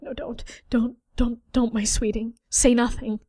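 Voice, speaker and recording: A woman's voice: a little high, flat delivery, measured pace, mellow, no echo, clean studio sound. A woman reading a sobbing, pleading young man held captive by a fairy queen in a storybook.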